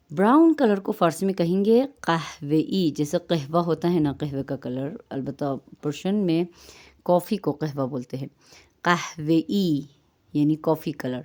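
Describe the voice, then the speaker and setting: A woman teaching vocabulary, stretching out words slowly to model their pronunciation. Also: low-pitched, warm tone. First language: Urdu. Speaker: language teacher. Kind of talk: vocabulary lesson.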